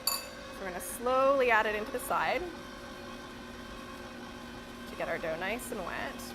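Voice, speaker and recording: A woman's voice: medium pitch, animated, measured pace, music in the background. A woman demonstrating a recipe on a cooking show, upbeat and explanatory, laughing easily. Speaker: dairy expert demonstrating recipes.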